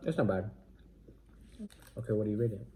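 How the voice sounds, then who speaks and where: A man's voice: fairly low pitch, fairly quick, mellow. Laid-back young guy, noisy home video. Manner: laid-back, slangy, laughs often. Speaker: vlogger. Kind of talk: casual unboxing and snack tasting.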